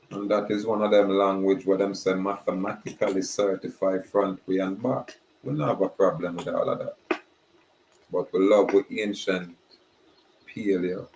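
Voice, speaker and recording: Slow, deep-voiced man preaching. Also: a little mellow, slight background noise. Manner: slow, emphatic, repeats "yeah, man". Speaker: spiritual speaker. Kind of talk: preaching monologue. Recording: roomy echoey recording.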